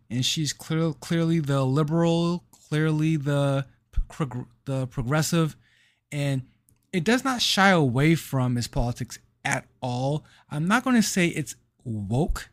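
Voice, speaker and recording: A man's voice: mid-range voice, dry recording, studio quality. A man co-hosting a gaming podcast, chatting casually and searching for words as he reviews a game. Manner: slow, halting, searching for words.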